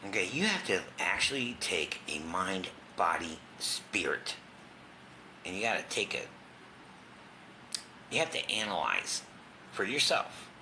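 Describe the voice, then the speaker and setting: On a talk show, a middle-aged guest recounts his recovery in a raw, candid way, cursing and performing quoted voices. He has a very low, bright, forceful voice and is very animated, though a little slow, with long pauses. A faint hiss sits behind him.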